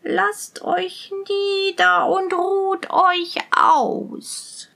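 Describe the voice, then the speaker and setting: A woman voicing a cunning old witch who rasps and whispers slowly with false friendliness. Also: very high voice, little pitch movement, sharp tone, voice pushed up, exaggerated voice. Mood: falsely friendly. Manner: rasping, slow, whispery.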